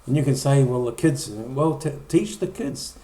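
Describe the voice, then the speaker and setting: A man's voice: medium pitch, normal speed, mellow. Middle-aged pastor guy giving a chatty sermon, trips over words a lot, voice bouncing around a roomy hall. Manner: conversational, repeats and restarts words, acts out short quoted lines. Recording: echoey room.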